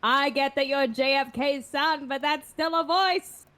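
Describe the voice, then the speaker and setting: High-voiced woman teasing. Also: fairly even intonation, measured pace, bright, forceful tone. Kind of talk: casual teasing banter.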